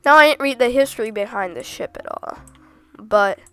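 A woman who is sick with a cold, chatting casually and rambling through gameplay commentary with sudden excited exclamations. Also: on the high side, moderate pace, smooth, soft background music. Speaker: gaming video host.

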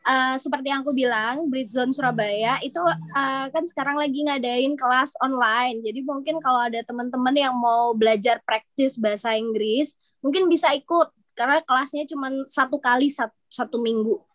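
A woman's voice: high voice, steady tone, normal speed, fairly bright tone, no echo, poor audio. Casual young-sounding woman moderating online. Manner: casual, hesitant, with fillers. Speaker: session moderator.

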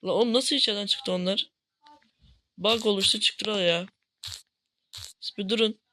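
Gameplay commentary, frustrated exclaiming host, mid-pitched voice, recorded at home, faint noise behind. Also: normal speed, sharp tone. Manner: frustrated, exclaiming, grumbling at teammates. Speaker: gaming channel host.

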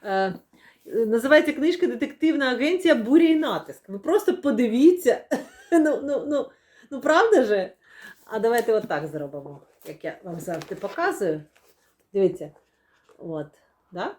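A woman's voice: a little high, lively intonation, moderate pace, a little mellow. A young woman chatting casually as she unboxes and shows new books, with many fillers and playful laughs. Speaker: book vlogger. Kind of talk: casual book unboxing chat.

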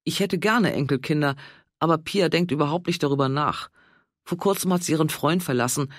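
A man voicing a mild, hesitant woman in her sixties in an audiobook, soft-spoken and a little apologetic. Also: low voice, brisk, no echo, studio quality. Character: mild, hesitant older married woman, easily embarrassed. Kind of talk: audiobook character voice.

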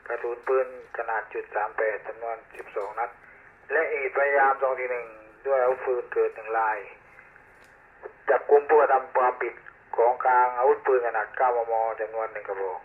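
A man's voice: medium pitch, fairly even intonation, brisk. Man on a tinny walkie-talkie. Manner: clipped, itemized listing of evidence. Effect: heard over a walkie-talkie radio. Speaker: police officer reporting an arrest. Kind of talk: formal radio report.

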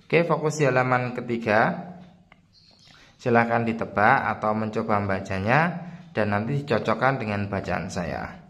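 A man teaching a reading lesson step by step, explaining patiently and chanting the examples in a drawn-out tune. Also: lowish voice, a bit bright.

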